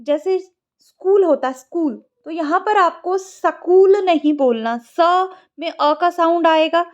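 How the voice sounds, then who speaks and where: High-voiced woman teaching Sanskrit. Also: muffled recording. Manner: patient, repeats words slowly to model pronunciation. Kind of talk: exam-prep lesson.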